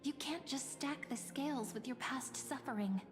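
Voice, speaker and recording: An actress playing a sweet, playful young woman in an anime-style game, teasing and gentle with theatrical delivery. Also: sits high, moderate pace, lightly acted. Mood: tender, earnest. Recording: long reverb, music over voice.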